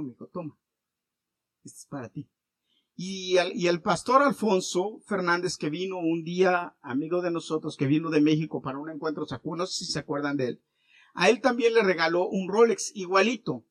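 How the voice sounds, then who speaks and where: High-voiced animated male preacher. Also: no echo. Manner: animated preaching with wide swings in loudness. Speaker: pastor. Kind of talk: sermon.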